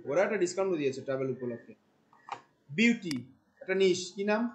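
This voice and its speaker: A man, teaching a class. He talks in a colloquial, animated way, firing questions at the students. He drops English terms into his explanations. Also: sits high, quick pace, slight background noise, rough recording. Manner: questions the class often, mixing in English words. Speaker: marketing instructor. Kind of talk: classroom lecture.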